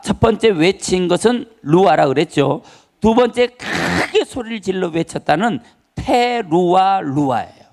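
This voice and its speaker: A man's voice: a little high, a little mellow. A male pastor preaching an emphatic Sunday sermon in a church, repeating key phrases and calling for the congregation's response. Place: church sanctuary.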